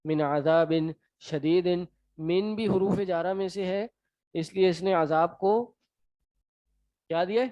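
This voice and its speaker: A man with a Pakistani Urdu accent teaching a lesson, quizzing his students in a brisk, encouraging way. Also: high voice, a little mellow, no room sound. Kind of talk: classroom lecture. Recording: dry, slightly dull sound.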